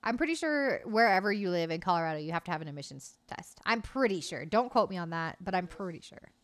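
A woman in her late twenties with a low-side, expressive voice talks at a quick pace while streaming from a room in her home. She chats loosely and cheerfully with the live chat, swearing freely, using a desk mic on an arm and a headset.

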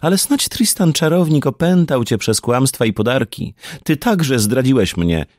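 Brief: male narrator doing a wounded young queen, pitched up, wide swings, dry close read. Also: expressive, darkish tone, dry recording, close to an everyday voice. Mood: cold. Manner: raised pitch, slow pained delivery. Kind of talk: audiobook character reading.

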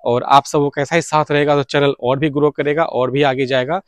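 Fairly high-pitched and brisk, with a level tone, a radio hobbyist in his thirties vlogs to his audience. He explains earnestly yet casually, using some English words, from an open rooftop or balcony beside fields. His clip-on lapel mic picks up no room sound.

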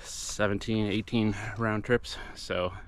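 Matter-of-fact middle-aged man, low voice. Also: steady tone, slow pace, smooth. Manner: plain, matter-of-fact, with repeated restarts. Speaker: volunteer cleanup vlogger. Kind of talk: casual vlog narration. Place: outdoors in a forest. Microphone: camera held at arm's length.

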